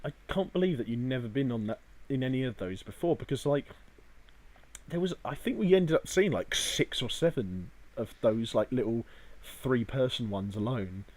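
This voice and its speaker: A man co-hosts a casual podcast chat. He talks in a rambling, hesitant way, leaning on filler phrases as he goes. His pitch sits in the middle range for a man. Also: animated, moderate pace, a little mellow. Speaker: podcast co-host. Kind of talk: casual chat about a day out.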